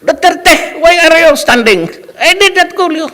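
Shrill, sneering older professor, slow, drawn-out scolding; a man's put-on voice. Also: animated, pushed and bright, heavily acted. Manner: high-pitched, scolding, drawn-out. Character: strict mocking older male law professor.

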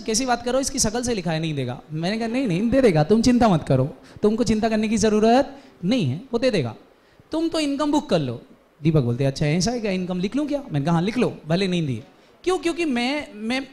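A man with a high voice teaches a commerce class. He tells lively stories and keeps firing quick questions at his students. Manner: animated storytelling, quizzing students. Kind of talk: classroom lecture.

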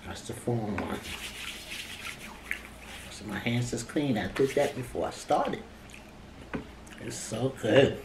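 A middle-aged woman with a low voice, chatting casually between bites as she eats in a mukbang vlog. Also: takes it slowly, pauses often. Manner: talking between bites while eating. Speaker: mukbang vlogger. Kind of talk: casual mukbang chat while eating. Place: small indoor room at a table. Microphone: camera a short distance away on table. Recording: echoey room with background noise.

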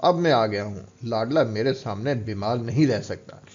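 A man voicing a gruff, stern older strongman who scolds and taunts, in a storybook reading. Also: mid-range voice, normal speed, a little mellow, natural voice. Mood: commanding. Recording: dull lo-fi recording.

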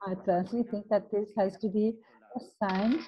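A woman giving a technical presentation in a measured, step-by-step way, interpreting for the speaker. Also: medium pitch, fairly even intonation, dark tone, slightly rough. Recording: dull lo-fi webinar audio.

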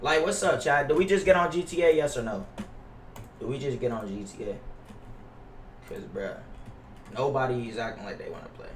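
Slangy and foul-mouthed, a young adult American streamer grumbles to his chat while playing a basketball video game at his gaming setup indoors. His medium-pitched voice moves at a moderate pace with long pauses, coming through a roomy, slightly distant mic with faint background noise.

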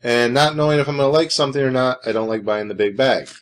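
A man's voice: mid-range voice, fast. A man hosting his own snack review vlog, talking casually with dry sarcasm and rambling asides. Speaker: food reviewer host.

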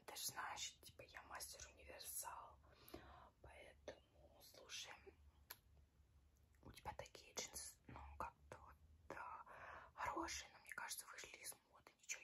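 A woman in her twenties doing a whispered role-play as a chatty, tactless, self-promoting makeup artist, talking in an offhand, rambling way. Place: small room at home, indoors.

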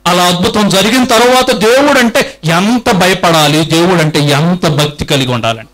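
Man preaching, really high bright voice, keeps asking the crowd questions, repeats himself for punch. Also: normal speed, poor audio. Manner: rhetorical questions to the congregation; animated, emphatic repetition. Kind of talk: sermon.

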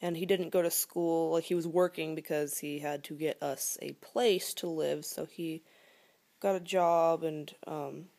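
A woman's voice: low-pitched, steady tone, a little slow, mellow. A woman in her twenties chatting casually to camera as a vlogger, rambling with many fillers and at times dropping to a whisper, filmed close-up at home in a living room. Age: 20s. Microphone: phone or laptop camera held close.

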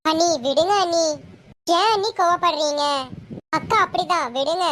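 A performer playing a timid, sweet young sister in a serial parody skit, soft and pleading. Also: extremely high pitch, moderate pace.

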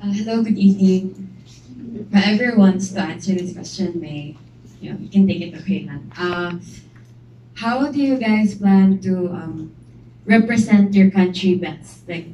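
Woman questioner at a press event, slow and mellow, heard from far off in a roomy hall. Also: medium pitch, a little hiss or hum. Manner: casual, rephrasing her question. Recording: roomy, distant, dull sound.

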